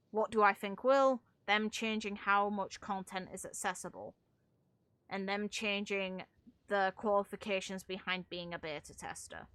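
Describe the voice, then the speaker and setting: Her voice is medium-pitched and a little bright, recorded with no room sound. She is a gaming streamer and video creator whose game commentary is casual, opinionated, and blunt, delivered informally with mild swearing.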